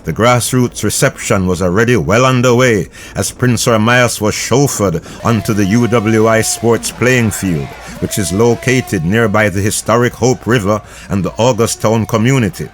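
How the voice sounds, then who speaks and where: A man narrates a documentary in a measured, formal manner. His voice sits fairly low.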